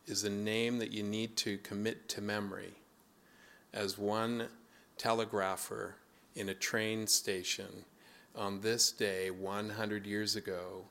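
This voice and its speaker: A male pastor delivers a sermon in a lowish, bright and forceful voice. He tells an anecdote at an unhurried, deliberate pace, then draws a reflective lesson from it. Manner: slow anecdotal storytelling that turns reflective. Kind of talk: sermon with personal storytelling.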